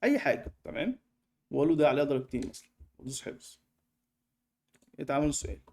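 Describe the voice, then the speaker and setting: A young man with an Egyptian Arabic accent walking through a screen-recorded software tutorial in a fast, chatty way, with many fillers. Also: a little high, big pitch swings, creaky. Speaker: online course tutor.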